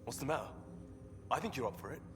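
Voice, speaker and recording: A man's voice: mid-range voice, lively intonation, quick pace, close to an everyday voice. A man voicing a supportive male crew officer in a video game, speaking in an encouraging way. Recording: game audio, reverberant, ambient noise.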